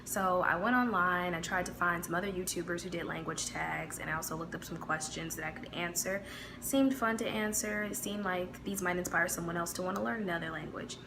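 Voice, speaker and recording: A Midwestern-accented American woman vlogs to camera in a relaxed, chatty style packed with fillers. Her voice sits on the low side with vocal fry, she talks a little fast, and the background is noisy.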